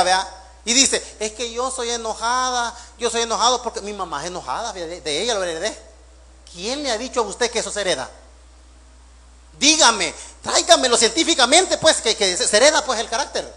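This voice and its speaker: A male pastor preaching a sermon, with rhetorical questions, loud emphatic bursts and quiet asides. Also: high voice.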